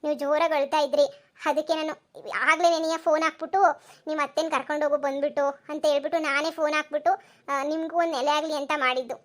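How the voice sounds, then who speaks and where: Woman voicing a soothing young cartoon daughter-in-law, high fast delivery. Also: flat delivery, lightly acted. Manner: soothing, reassuring. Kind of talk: cartoon voice acting.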